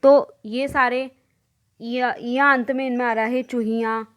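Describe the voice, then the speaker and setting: A woman's voice: fairly high pitch, fairly even intonation, smooth. A woman teacher giving a grammar lesson, saying example words in pairs and explaining each rule step by step. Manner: slow, repeating word pairs aloud.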